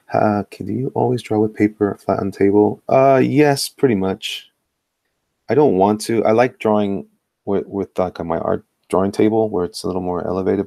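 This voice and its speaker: A middle-aged man from the Bronx, New York, with a New York accent, hosts a live drawing stream from a tabletop indoors, chatting casually and playfully as he draws. His fairly low voice is creaky and mellow, and he rambles and repeats phrases. The sound is clean studio quality with no room sound.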